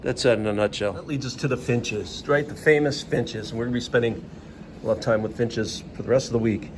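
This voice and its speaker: A man's voice: mid-range voice, brisk, slight background noise. A man teaching a biology lesson in a chatty, upbeat way, rambling a little as he explains. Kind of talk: casual classroom video lesson.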